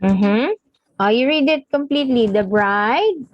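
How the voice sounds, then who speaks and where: A woman's voice: fairly high pitch, expressive, a little slow, dry recording, lo-fi sound. A woman teaching a one-on-one English lesson, patiently correcting and prompting her student.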